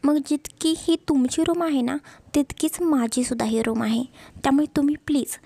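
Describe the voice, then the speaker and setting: A woman's voice: sits high, normal speed, gravelly, mellow. A woman voicing a stubborn, sulking young wife who pouts and complains. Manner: sulky, pouting complaints.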